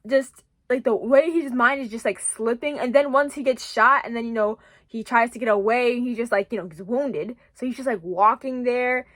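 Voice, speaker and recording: A young woman vlogger chatting casually, rambling and excitable, with many restarts and emphatic repeats. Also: on the high side, moderate pace, dry recording, studio quality. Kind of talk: casual chat.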